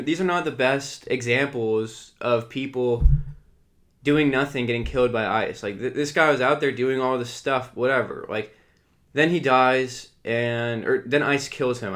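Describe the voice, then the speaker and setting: A man's voice: medium pitch, fairly bright tone. Ranting young man hosting a solo podcast. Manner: ranting, heavy use of "like" fillers; reads news excerpts aloud. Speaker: podcast host.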